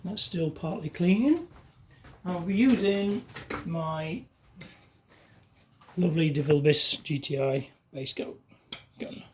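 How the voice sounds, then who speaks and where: Mellow woman, muffled by a mask. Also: low voice, takes it slowly, long pauses, a little hiss or hum. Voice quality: muffled through a paint mask. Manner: relaxed, chatty running commentary. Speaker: DIY car painter. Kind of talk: casual talk while working. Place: home garage, indoors.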